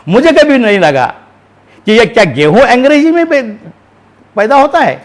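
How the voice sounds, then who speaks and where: Animated orator. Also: male voice, very high voice, moderate pace. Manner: oratorical, rhetorical questions, swings between loud and soft. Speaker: webinar speaker on education. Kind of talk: public lecture.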